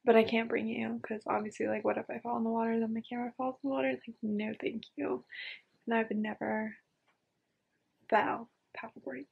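A woman's voice: on the high side, little pitch movement, quick pace, creaky, slightly rough, narrow, tinny audio. A young woman vlogging casually to a handheld camera outdoors, bubbly and giggly, with many "like" fillers. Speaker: travel and fitness vlogger. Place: outdoors at a lake and in the mountains.

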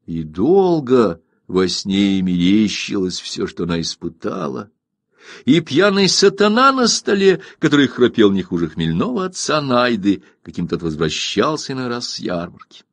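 Male story narrator, expressive reading, mid pitch, very lively intonation. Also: normal speed, dry recording. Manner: animated storytelling delivery. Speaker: audiobook narrator.

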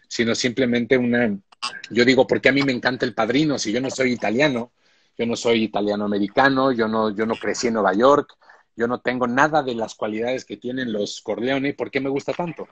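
Man, 40s, mid-pitched, reflective showrunner guest on a home video call, dry close sound. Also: husky, no room sound. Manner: thoughtful, reflective, with frequent restarts. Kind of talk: casual live-stream interview. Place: indoor room at home. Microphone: phone or laptop on a video call.

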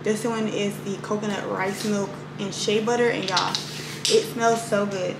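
Her creaky, mid-range voice has a flat delivery and a measured pace as this twenty-something vlogger talks casually to her audience. The footage moves between a parked car and a room at home indoors, and the camera, held at arm's length or propped close, records noisy ambient sound.

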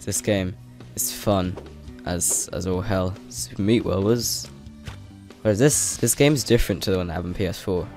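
A man's voice: low voice, normal speed, a little mellow. A man, stuffed up with a cold, talking through a video game in a loose, rambling way. He stops and restarts often and laughs between thoughts. Game music plays faintly behind him. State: congested with a cold. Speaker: gaming channel host. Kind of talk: casual gameplay commentary. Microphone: desk microphone set to high sensitivity.

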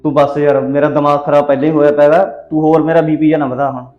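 A man's voice: fairly high pitch, little pitch movement, quick pace, roomy sound, highs cut off, soft background music, lightly acted. A young man playing a defensive, exasperated husband caught between wife and mother. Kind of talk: village family drama acting.

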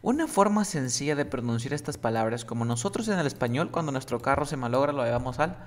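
A man teaching an English lesson, coaxing a student and drilling words slowly with exaggerated English sounds. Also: medium pitch, expressive.

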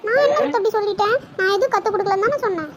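A woman's voice: extremely high pitch, very fast. Woman voicing a defiant young daughter-in-law. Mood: arguing. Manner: argumentative. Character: sharp-tongued young wife, defensive and stubborn. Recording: noisy home recording.

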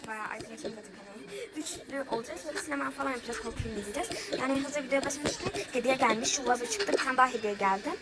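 A woman chatting excitedly to viewers while narrating a game role-play. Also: high voice, rapid-fire, few pauses, a loud crowd, poor audio.

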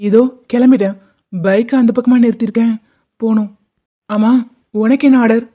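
A lovesick young college man, voiced by a woman, talks in a worried, hesitant way in an animated love story. The voice is a little high. The audio is dull and lo-fi. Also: moderate pace, close to an everyday voice. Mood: anxious.

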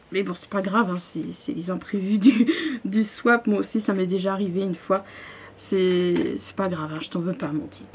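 A young woman opening a parcel in her bedroom, gushing with excitement and often restarting her sentences. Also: mid-range voice, a little hiss or hum. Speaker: vlogger. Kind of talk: unboxing vlog. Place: bedroom, at home. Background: paper crinkling.

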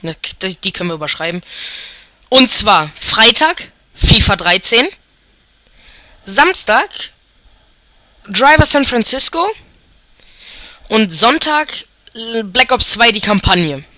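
Commenting on a football game he's playing, this young man from Germany muses aloud and chuckles in a loose, wandering way. He speaks slowly with frequent pauses, his high voice sing-song and sharp, recorded without echo.

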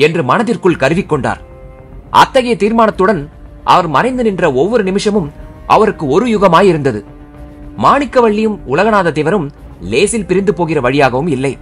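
A man narrating a historical novel as an audiobook, reading in an expressive, dramatic way. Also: sits high.

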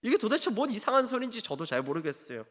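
A high, bright-toned male pastor preaches in a sanctuary with a long, ringing reverb. His delivery is animated and chatty, and his pitch swings widely as he acts out quoted lines and puts questions to the congregation. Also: fast talker. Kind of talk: Wednesday evening sermon with audience quiz. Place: church sanctuary. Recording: long church hall reverb.

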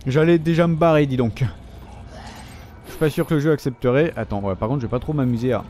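A young man giving joking, foul-mouthed commentary while playing a video game, often shouting at enemies. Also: mid-range voice, fairly quick. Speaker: gaming video host. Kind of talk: casual let's-play commentary.

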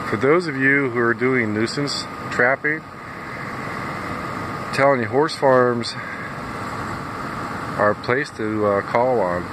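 A man's voice: medium pitch, slow pace, long pauses. A man who works as a nuisance wildlife trapper, casually walking viewers through his trap sets outdoors on a farm and talking to them directly in a plain-spoken, folksy way. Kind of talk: casual outdoor video walkthrough. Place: outdoors on a farm field by a fence line. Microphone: handheld phone camera. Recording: phone recording outdoors with steady background noise.

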